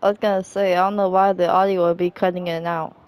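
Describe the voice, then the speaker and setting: A woman's voice: lowish voice, flat delivery, quick pace, a little mellow, smooth. A woman hosting her gaming stream, chatting casually and hesitantly, often trailing off and putting herself down. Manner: hesitant, self-deprecating, trails off. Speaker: gaming channel host.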